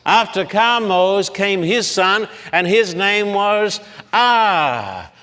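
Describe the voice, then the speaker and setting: A man giving a public Bible lecture at a blackboard, talking slowly and deliberately and sounding out long names syllable by syllable. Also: high voice, animated, pushed and bright, clear, resonant tone. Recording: long hall reverb.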